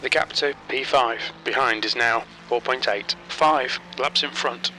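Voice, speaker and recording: A man's voice: mid-range voice, measured pace, bright, forceful tone, a little hiss or hum, rough recording. A man giving terse pit radio calls, reading out race gaps and flags in short, clipped updates. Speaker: automated race engineer callouts.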